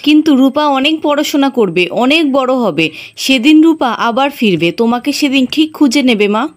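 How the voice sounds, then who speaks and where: Brief: a tearful, resolute little girl mourning her mother, read by a woman, high voice, plain storybook reading. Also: expressive, normal speed. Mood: sorrowful. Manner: read out in the narrator's own voice.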